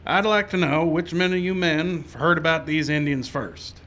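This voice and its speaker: A man playing a calm, skeptical frontier marshal in a live radio western, measured, dry and authoritative. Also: a little high, slight background noise, natural voice. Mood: wary. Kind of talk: live old-time radio western acting.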